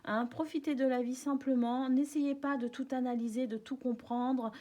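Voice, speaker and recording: A woman's voice: high voice, steady tone, normal speed, muffled recording. Reassuring woman reading tarot. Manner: gentle, reassuring, frequent fillers and soft laughs. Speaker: tarot reader.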